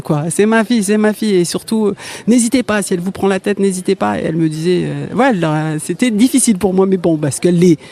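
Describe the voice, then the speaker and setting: A woman's voice: mid-range voice, darkish tone. A middle-aged woman from northern France, a stage performer chatting as a guest in an interview, hesitant with many fillers and frequent laughs. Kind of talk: casual interview chat.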